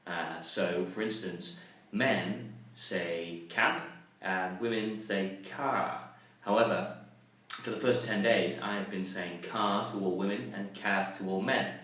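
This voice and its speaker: A man with a deep, slightly bright voice vlogs casually to the camera, speaking slowly, chatty and self-mocking, with lots of ums and uhs. The mic is distant, so it sounds very echoey with faint noise.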